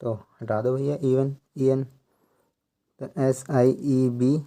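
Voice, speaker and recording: A man giving a slow tutorial, counting out numbers one by one and explaining how each is read. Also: mid-range voice, level tone, mellow. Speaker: language teacher.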